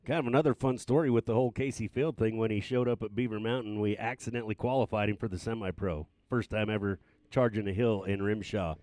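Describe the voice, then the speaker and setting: A man co-commentating a live race, adding relaxed, conversational asides and calling times. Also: on the low side, fast talker, no echo.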